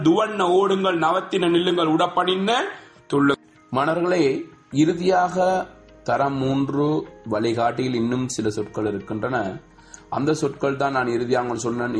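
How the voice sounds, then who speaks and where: A Sri male teacher with a fairly high voice leads a spoken language lesson for schoolchildren. He works through vocabulary in slow, repetitive drills. The sound has noticeable room echo, with faint music underneath. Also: fairly bright tone.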